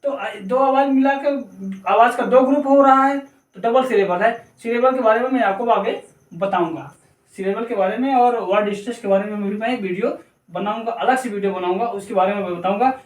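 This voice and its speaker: A man teaching English pronunciation, slowly spelling words out letter by letter and repeating each point. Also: sits high. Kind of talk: explanatory lesson. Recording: echoey room, mic at a distance.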